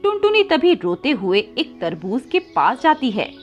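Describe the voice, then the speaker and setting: A woman narrating a children's cartoon story in an expressive, scripted way. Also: high-pitched, measured pace, muffled recording, faint music behind.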